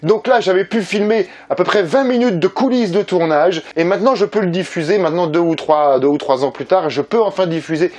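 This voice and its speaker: A man speaks briskly and informally as he introduces his video. His voice sits a little high. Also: a little mellow.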